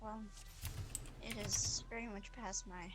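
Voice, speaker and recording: A woman streaming a game, calling out raid moves to her team in quick commands over voice chat. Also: mid-range voice, steady tone. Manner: brisk shouted raid callouts. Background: loud game music.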